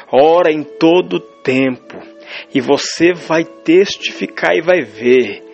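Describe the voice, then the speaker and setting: Male preacher, gravelly voice, slightly high, emphatic sermon, dull lo-fi sound, faint music behind. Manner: emphatic, repeats phrases for stress.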